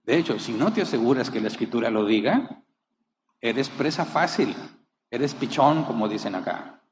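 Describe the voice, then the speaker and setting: A man's voice: mid-range voice, expressive, moderate pace, big-room sound, a little hiss or hum. A man preaching a sermon as a pastor, emphatic, rising and falling, asking rhetorical questions. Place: church.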